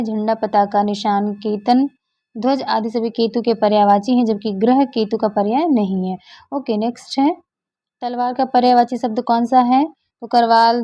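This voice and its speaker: Woman teacher, dull lo-fi recording. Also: fairly high pitch. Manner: explanatory, asks and answers own questions. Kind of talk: exam-prep lesson explaining answers.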